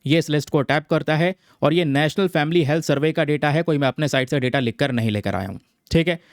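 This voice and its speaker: Slightly high and fast, this man's voice comes through clean studio sound with no room echo. Addressing exam students as friends, he explains a newspaper article chattily and checks in with them often. He says "theek hai" repeatedly and mixes English terms into Hindi.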